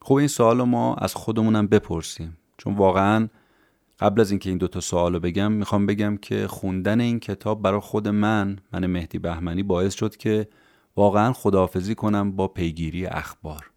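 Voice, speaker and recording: A man hosting a podcast, calmly summarizing a book for listeners in scripted narration. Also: lowish voice, no room sound, clean studio sound. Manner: calm, explanatory, addresses listeners directly. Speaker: podcast host summarizing books.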